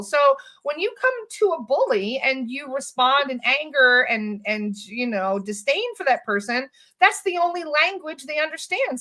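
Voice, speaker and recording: This high-pitched woman, a hypnotist and spirit release practitioner, chats in a relaxed interview with a bright, forceful sound. Her storytelling is lively, full of acted-out quotes and casual swearing.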